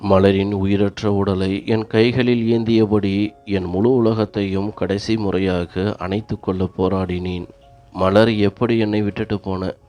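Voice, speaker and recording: A man's voice: deep voice, a little mellow. A man narrating a first-person story in an emotional, grieving manner. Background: faint background music.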